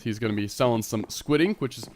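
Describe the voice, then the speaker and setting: Speaking quickly in a mid-range, slightly mellow voice, a congested man rambles through a Minecraft server build, fixing his own slips along the way. It's easygoing let's-play chatter, with a bit of hiss or hum in the background.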